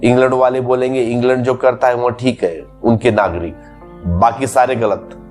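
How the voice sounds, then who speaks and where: A man's voice: mid-range voice, fairly even intonation, moderate pace, darkish tone, soft background music. Man giving a patient spiritual discourse. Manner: explains patiently with repeated everyday examples. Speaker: spiritual teacher.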